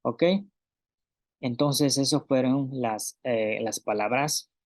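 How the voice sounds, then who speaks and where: A man's voice: mid-range voice, takes it slowly, noisy background. A man giving a pronunciation lesson, saying words one at a time, carefully and with fillers. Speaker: language teacher.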